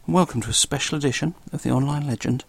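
A man's voice: mid-range voice, rapid-fire, gravelly, husky, no room sound. A man with a South London accent hosting a podcast solo, chatting casually in a dry, self-deprecating way. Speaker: guest podcast host.

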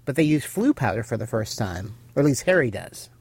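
A man with a medium-pitched voice speaks as a co-host in a casual recap. He explains and fills in details, recorded dry and without room sound. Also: big pitch swings, fairly quick, gravelly, a little mellow, slightly rough, no echo. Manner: explanatory, adds detail and corrections. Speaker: podcast co-host. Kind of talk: casual chat recapping a film.

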